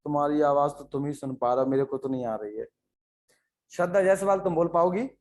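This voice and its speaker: A man from India leads an online biology class with a high-pitched voice. He explains in Hindi sprinkled with English terms and calls on students by name. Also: a little fast, darkish tone. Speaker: biology teacher. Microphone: online class setup.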